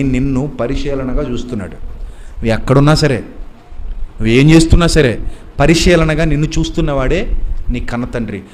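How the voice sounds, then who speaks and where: A male preacher delivering a sermon, admonishing his listeners with many rhetorical questions. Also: a little high.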